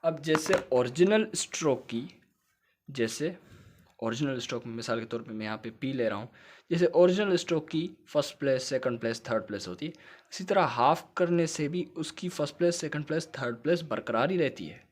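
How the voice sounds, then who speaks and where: A man's voice: fairly high pitch, animated, brisk. A man teaching shorthand in a recorded lecture, explaining patiently, repeating points and checking that students follow.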